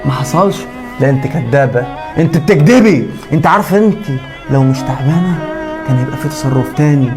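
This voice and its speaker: A man's voice: fairly high pitch, expressive, fast talker, music in the background, natural voice. An actor playing a young husband torn between his mother and wife, with an Egyptian Arabic accent and an earnest, confrontational manner. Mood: confronting. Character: torn husband and son, young man, quick to anger. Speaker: actor in a web drama.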